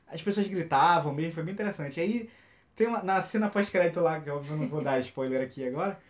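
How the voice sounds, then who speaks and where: A Brazilian man chats casually on a film podcast in a slightly raised voice. He speaks haltingly, pausing and restarting as he searches for words. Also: fairly high pitch. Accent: Brazilian Portuguese. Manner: halting, many fillers and restarts. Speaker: podcast co-host.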